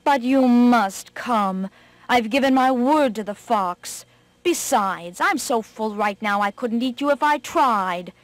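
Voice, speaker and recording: A woman's voice: a little high, slow, no room sound. Gullible, hungry storybook tiger, insistent and pleading, read by a woman.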